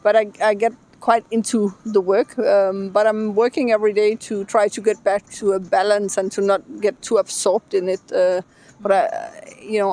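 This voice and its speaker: A middle-aged woman from Denmark, a business consultant, answering interview questions thoughtfully with many pauses and fillers, outdoors by the beach. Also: medium pitch, a little mellow. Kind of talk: casual interview.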